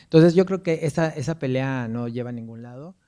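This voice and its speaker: A man's voice: medium pitch, fairly quick, mellow. A man with a Mexican accent giving a lecture, telling anecdotes in a chatty way with frequent tag questions. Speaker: guest lecturer, performance artist.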